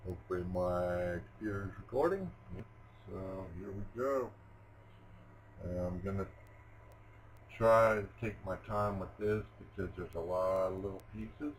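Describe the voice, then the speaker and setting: Speaking in a low, unhurried voice with long pauses, this middle-aged man gives loose, self-mocking commentary as he puts together a Lego set on video, full of fillers and false starts. He's at a table in his home with a cat close by. The recording is rough, with slight background noise.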